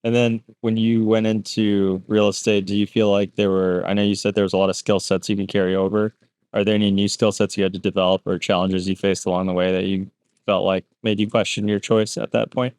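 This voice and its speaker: Podcast host, man, lowish smooth voice, flat even delivery, close dry mic. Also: brisk, no room sound. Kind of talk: podcast interview hosting.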